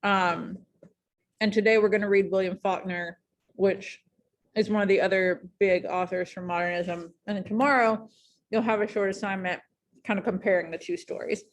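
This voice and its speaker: A woman teaching a high school English class in a casual, chatty way, full of ums and likes, speaking in a classroom. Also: steady tone, moderate pace. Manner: chatty, many fillers like um and like.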